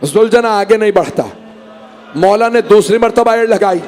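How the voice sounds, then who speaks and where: A man with a Pakistani Urdu accent reciting a Muharram mourning sermon to a gathered congregation, with impassioned, drawn-out cries. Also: high voice, darkish tone. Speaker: majlis reciter.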